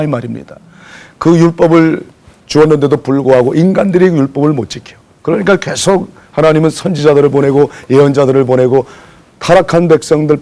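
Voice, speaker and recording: Animated Korean preacher, man. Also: a little high. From South Korea. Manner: animated preacher acting out voices, calls for audience replies. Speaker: pastor. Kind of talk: sermon lecture.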